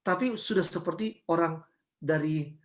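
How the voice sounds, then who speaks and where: A woman pastor from Ambon giving a sermon at a church service, chatty and lively, full of homely examples and rhetorical questions. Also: lowish voice, normal speed. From Ambon, Indonesia.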